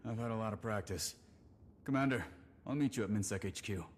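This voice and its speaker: A stern, by-the-book lawman, acted by a man, with a slightly low voice. It is game dialogue set in long reverb. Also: fairly quick, natural voice. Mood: stern, resolute. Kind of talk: video game voice acting. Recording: long reverb, faint background noise.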